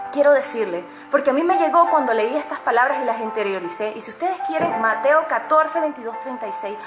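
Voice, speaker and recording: A woman delivers a devotional message with a high voice. She speaks earnestly and exhorts her listeners, repeating key phrases for emphasis. Music plays clearly beneath her words. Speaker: preacher. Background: music playing underneath.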